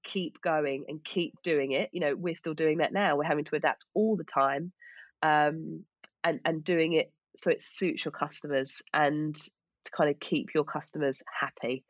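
A woman's voice: sits low, fairly even intonation, moderate pace, dry recording, muffled recording. A woman with an Essex accent speaking as an interview guest in a chatty, informal, self-deprecating way. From Essex, England. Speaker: podcast guest, small business owner. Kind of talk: casual interview chat.

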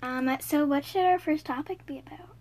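A woman's voice: sits high, normal speed, a little mellow. A teenage girl co-hosting a podcast, giggly and playful, sometimes whispering, recorded inside a small closet full of clothes. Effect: recorded inside her small clothes-stuffed closet. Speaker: podcast co-host. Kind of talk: casual chat.

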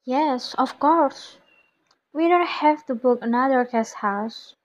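Young woman, Indonesian accent, slow careful recital, high pitch, eager friend in a scripted dialogue, acted by a student. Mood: earnest. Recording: muffled lo-fi recording.

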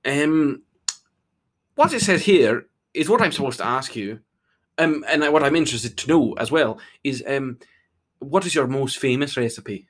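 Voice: mid-range voice, expressive, unhurried. A performer voicing a flustered radio interviewer with a Scottish accent who stammers and grows exasperated. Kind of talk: improvised comedy sketch.

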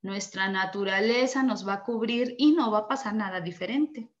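A woman's voice: mid-range voice, normal speed, highs cut off. A woman giving an earnest motivational talk, speaking straight to the listener. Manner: earnest, addresses listener directly. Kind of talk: motivational talk with acted stories.

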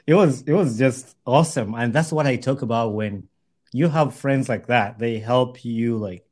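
A man's voice: mid-range voice, normal speed, darkish tone. Earnest man chatting casually with a friend. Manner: earnest, repeats phrases as he builds a point. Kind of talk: casual heartfelt chat between friends.

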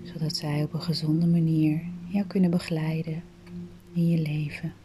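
A woman guiding a meditation in a soft, soothing voice that often drops to a breathy whisper. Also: sits low, flat delivery, normal speed, over music. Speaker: meditation guide. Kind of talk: guided meditation.

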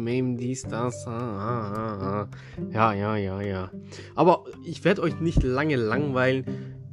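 A young man hosting a casual storytelling podcast, joking and slangy, with playful restarts. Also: medium pitch. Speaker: podcast host.

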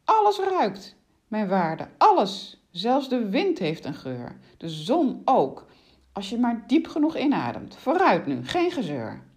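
A woman's voice: fairly high pitch, huge pitch swings, takes it slowly, darkish tone, pitched above the performer's own voice, exaggerated voice. A woman voicing a sly, bossy witch who coaxes and pushes in a mock-polite way. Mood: pushy. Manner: coaxing, pushy, mock-polite.

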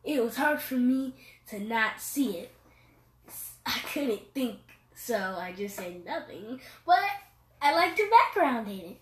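Slow, bright woman off-mic. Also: fairly high pitch, lively intonation, distant mic, slight background noise. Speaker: podcast co-host. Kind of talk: casual movie podcast chat. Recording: echoey room, away from the mic.

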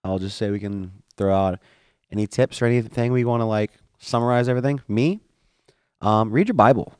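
Male podcast co-host. Lowish, clear voice, casual and unhurried. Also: dry recording, clean studio sound.

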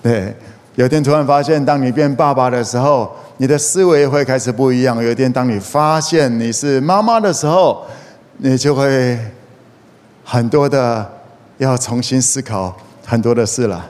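Animated male pastor in an echoey hall. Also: medium pitch, normal speed. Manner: animated, draws call-and-response from the congregation. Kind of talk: sermon with humorous storytelling. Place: church hall. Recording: echoey hall with faint noise.

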